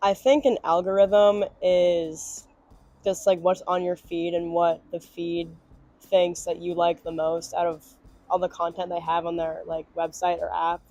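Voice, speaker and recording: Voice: medium pitch, little pitch movement, a little slow, a little mellow. A young student from Long Island, New York, answering casually with many fillers, on a dull lo-fi recording. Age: young adult. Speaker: interviewee.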